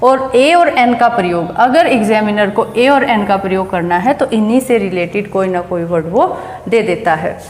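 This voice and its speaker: A woman's voice: medium pitch, moderate pace, slight background noise. A woman teaching an English grammar lesson, explaining step by step and asking and answering her own questions. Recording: echoey room with long reverb.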